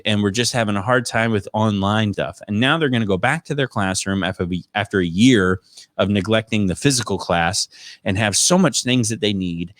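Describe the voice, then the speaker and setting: A man's voice: lowish voice, dry recording, studio quality. A man hosting a podcast in a rambling, self-deprecating, casual live-stream style. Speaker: podcast host.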